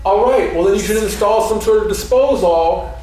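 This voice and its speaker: A man's voice: high-pitched, normal speed, mellow, natural voice. A man playing a blunt, matter-of-fact plumber who swears casually, in an improvised comedy scene recorded in an echoey room from a distance. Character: blunt, slightly judgmental male plumber. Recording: echoey room from far off, faint noise.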